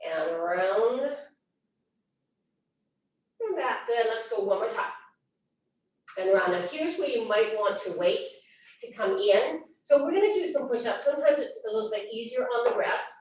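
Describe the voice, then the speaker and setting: A woman's voice: a little high, animated, measured pace, long pauses, darkish tone. A woman leading a Pilates class at home, talking her class through each move and counting reps in a casual, encouraging way. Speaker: Pilates instructor. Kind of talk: guided workout instruction. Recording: echoey room, voice from far off.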